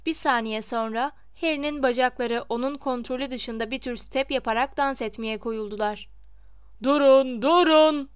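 A woman narrating a novel aloud in an expressive storytelling style. Her voice is fairly high and very clean. She is recorded dry and close at a studio mic. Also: normal speed, few pauses, smooth, dry recording. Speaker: audiobook narrator.

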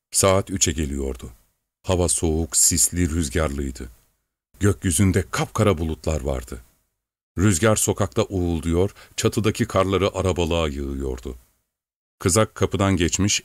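A man with a deep, low voice narrates an audiobook. His reading is steady and measured. The recording is dry and close. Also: no room sound.

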